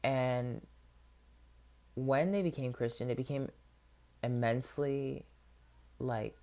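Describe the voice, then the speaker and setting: A man's voice: mid-range voice, fairly even intonation, slow pace, a little mellow. A man speaks openly and earnestly about his inner journey, his talk loose and conversational and full of filler words. He is a spiritual healer giving a sincere personal testimony. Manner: candid and open.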